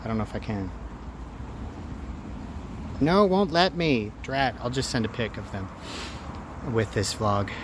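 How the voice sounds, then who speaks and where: A man talking casually and reflectively to a handheld phone in a rambling vlog, in halting phrases. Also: medium pitch, animated. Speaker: running vlogger. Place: outdoors after a run. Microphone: handheld phone camera at arm's length. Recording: outdoor noise, traffic ambience.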